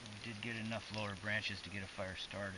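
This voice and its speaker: Man, middle-aged, low voice, plain and practical, outdoors in snowy forest, camera mic. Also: flat delivery, fairly quick. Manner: plain, matter-of-fact, explains as he works. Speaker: winter camper filming his trip. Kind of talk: casual outdoor narration. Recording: loud outdoor background noise.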